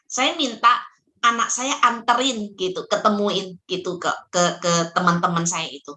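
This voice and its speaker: Bright-voiced animated woman. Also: medium pitch, moderate pace. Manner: animated storyteller who acts out voices. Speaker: podcast guest, parenting practitioner. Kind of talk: casual conversational talk.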